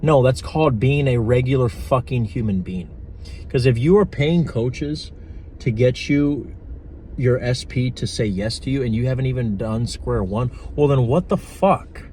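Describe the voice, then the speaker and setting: A man's voice: mid-range voice, a little slow, warm tone, slight background noise. A man giving blunt, profane dating and manifestation advice in a casual vlog. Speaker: manifestation coach.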